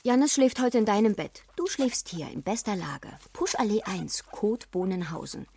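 An actress playing a gentle, teasing mother speaking to her young son. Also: medium pitch, expressive, moderate pace, gravelly, breathy edge. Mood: tender.

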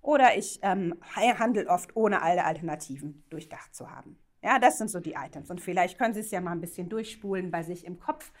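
A woman's voice: lowish voice, a little fast, few pauses. A woman lecturing to students, explaining ideas step by step, asking rhetorical questions and checking in with short tag questions and fillers. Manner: many "ja?" check-ins and "ähm" fillers. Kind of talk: university lecture.

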